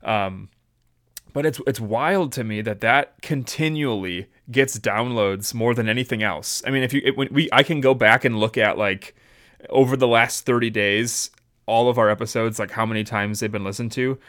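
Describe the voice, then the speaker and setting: A man's voice: medium pitch, moderate pace, a bit bright. A man hosting a casual theology podcast, chatty and joking as he rambles through the intro. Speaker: podcast host.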